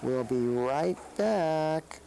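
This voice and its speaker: A performer voicing a friendly snake puppet who gently explains a flower show to children on a kids' TV program. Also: mid-range voice, expressive, very slow, creaky, noisy background, full character voice. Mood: gentle. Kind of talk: kids' TV field segment.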